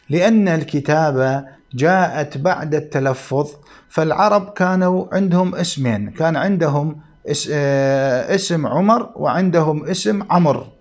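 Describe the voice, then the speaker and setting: A man with a somewhat raised voice teaches a grammar class. He sets up each point with a rhetorical question, then answers it patiently, lingering on key rules. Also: fairly high pitch. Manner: asks rhetorical questions and answers them himself; slows down to stress key points. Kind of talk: classroom lesson explaining Arabic grammar.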